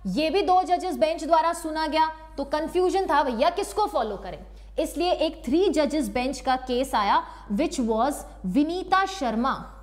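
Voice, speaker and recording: A woman teaching a revision class on law online. She mixes in English legal terms and keeps asking her students quick check questions. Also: high voice, expressive.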